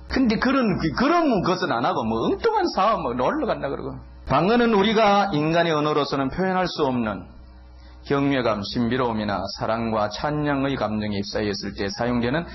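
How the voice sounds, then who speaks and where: A male pastor from the Gyeongsang region with a Gyeongsang accent, preaching emphatically and jumping from low asides to sudden high exclamations. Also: lo-fi sound. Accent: Gyeongsang Korean. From Gyeongsang region, Korea. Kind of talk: sermon.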